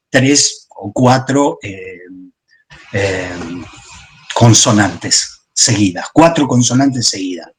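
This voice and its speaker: A man giving a class lecture, explaining step by step and often checking in with "¿sí?". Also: medium pitch. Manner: explanatory, asks "¿sí?" often, pauses and restarts. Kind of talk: class lecture on psychoanalytic theory.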